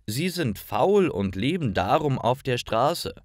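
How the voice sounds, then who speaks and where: A man's voice: medium pitch, very animated, slow, no room sound, clean studio sound, voice pushed up. Stern old grandmother, as a man puts her on. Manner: curt and strict.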